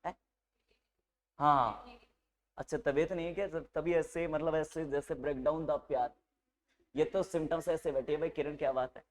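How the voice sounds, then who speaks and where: A man teaches a live nursing class, his slightly raised voice carrying across the room as he teases and coaxes the students. He drops English medical terms into an animated, joking delivery. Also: fairly high pitch, normal speed, pauses often. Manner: animated, teasing, mixes Hindi with English terms.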